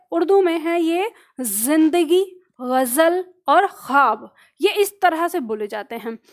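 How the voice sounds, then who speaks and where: Female teacher, high voice, lecturing at a board and testing students on sounds. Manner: quizzes students with pronunciation choices; explains at a board with pointing words. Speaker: Hindi teacher. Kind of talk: classroom lecture.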